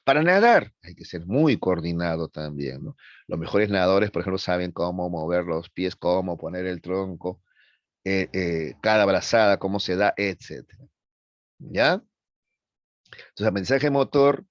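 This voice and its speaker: Male teacher, low register, lecturing a class with frequent checks for understanding, dry lo-fi classroom recording. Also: dry recording. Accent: Peruvian Spanish.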